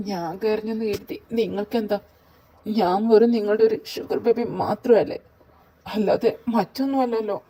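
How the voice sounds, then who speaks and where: A woman's voice: medium pitch, steady tone, moderate pace, mellow, close to an everyday voice, poor audio. A woman voicing a hurt young man who is crying, in a fan audio drama. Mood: bitter. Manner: pleading, sobbing questions.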